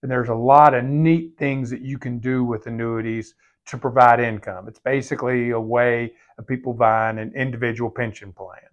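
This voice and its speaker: An older man co-hosting a finance podcast in casual conversation, speaking haltingly and repeating words. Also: mid-range voice, steady tone, lo-fi sound. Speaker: podcast co-host and veteran financial advisor.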